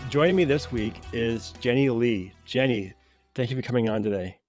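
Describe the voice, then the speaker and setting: A man's voice: mid-range voice, normal speed, darkish tone, soft background music. A man hosting a podcast, asking loose, rambling questions in a casual interview. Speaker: podcast host.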